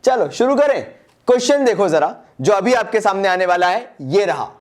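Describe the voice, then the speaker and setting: Brief: Indian man, commerce tutor, high-pitched and chatty, quizzes students then answers himself. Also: animated, normal speed. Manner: chatty, calls students "yaar" and "bhai", asks and answers his own questions; calls himself "Baba ji". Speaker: commerce teacher. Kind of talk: online accounts lesson.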